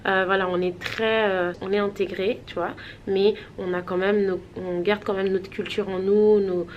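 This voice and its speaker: A woman's voice: medium pitch, flat delivery, normal speed, dull audio, a little hiss or hum. A woman from Switzerland chatting casually to her vlog viewers, rambling with many hesitations. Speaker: vlogger.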